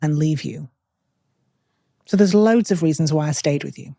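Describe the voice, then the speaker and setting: A woman co-hosting a podcast, talking candidly in short, measured phrases. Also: sits low, warm tone, dry recording, clean studio sound. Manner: frank, reflective, speaks in short measured phrases. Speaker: podcast co-host. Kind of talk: candid personal conversation.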